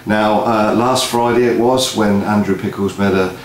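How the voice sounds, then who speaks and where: Speaking at normal speed with a fairly low, fairly even voice, this man co-hosts a casual two-person announcement video for music event promoters. The office recording has a roomy echo and audible background noise.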